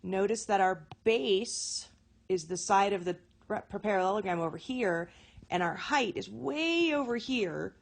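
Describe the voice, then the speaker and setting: A woman's voice: mid-range voice, animated, a little slow, gravelly. A woman teaching a recorded math lesson. She talks in a chatty way, often corrects herself and checks in with "okay?".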